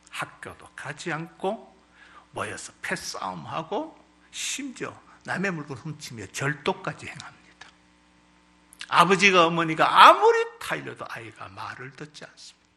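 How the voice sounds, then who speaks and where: A male pastor preaching a sermon, telling a story dramatically with big swings in loudness. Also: on the high side.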